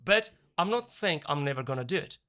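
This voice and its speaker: Excitable male co-host, talks fast and bright, casual chat. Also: on the high side. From Armenian. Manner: fast, excitable, laughs a lot. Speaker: podcast co-host.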